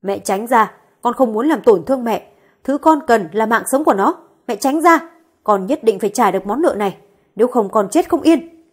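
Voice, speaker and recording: A woman's voice: a little high, lively intonation, moderate pace, breathy edge. A woman voicing a vengeful young woman who has lost control, with furious, threatening delivery in an audio story.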